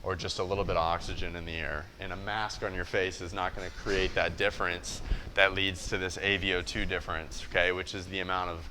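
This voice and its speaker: A young American man with a slightly low voice explains in a blunt, conversational way, like a coach at a whiteboard. He often checks in with the listener, and there is light noise in the gym space around him. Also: level tone, fairly quick, sharp tone. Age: young adult. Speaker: fitness coach presenting.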